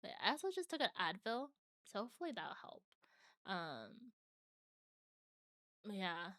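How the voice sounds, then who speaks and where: A woman's voice: medium pitch, big pitch swings, a little slow, sharp tone, dry recording, clean studio sound. A woman livestreamer chatting casually with viewers in a cute, bubbly anime-streamer manner. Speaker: variety streamer.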